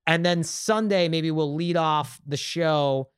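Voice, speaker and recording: A man's voice: fairly high pitch, slow, clean tone, no echo, studio quality. A man with a Brooklyn accent co-hosting a casual sports podcast, rambling with fillers and restarts. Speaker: podcast co-host.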